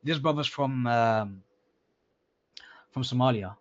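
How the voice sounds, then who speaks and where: A man's voice: mid-range voice, slow pace. A man reviewing a sales call with a student in a casual coaching tone, often repeating words and calling him akhi. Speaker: sales mentor. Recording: slightly dull lo-fi sound.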